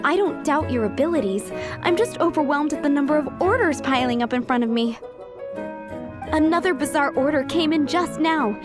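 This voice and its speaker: An actress with a high, expressive voice speaks at a normal pace, playing a harried but kind young woman who runs a busy restaurant. She sounds earnest, flustered and businesslike, with game music playing underneath.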